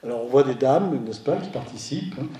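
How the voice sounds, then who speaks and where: A man's voice: mid-range voice, expressive, brisk, mellow, reverberant, slight background noise. A man giving a slide lecture on art and photography, who trails off, corrects himself mid-sentence and drops dry humorous asides.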